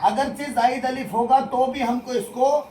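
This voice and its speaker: High-pitched man teaching slow recitation. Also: fairly even intonation, noisy background. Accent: Hindi-Urdu speaker from central India. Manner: slow, repeats phrases for students to echo back. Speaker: religious teacher. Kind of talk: call-and-response recitation lesson.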